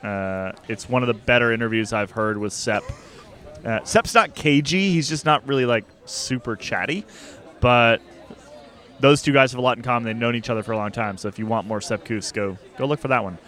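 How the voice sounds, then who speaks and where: A man hosting a casual podcast, chatting in a relaxed way with many filler words. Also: mid-range voice, a little fast. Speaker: podcast host.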